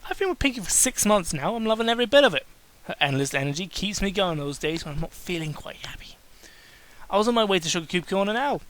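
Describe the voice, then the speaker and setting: Speaking fast with lively intonation, this mid-range, slightly bright voice belongs to a host performing fan fiction for laughs. They sound mocking and fed up, stumble through the writing, and keep interrupting it with sarcastic comments.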